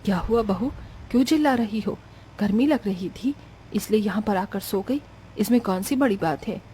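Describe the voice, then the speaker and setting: A woman's voice: mid-range voice, normal speed, dark tone, a little hiss or hum, close to an everyday voice. A woman voicing a stingy middle-aged mother-in-law in a cartoon, talking in a scolding, dismissive way. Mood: weary.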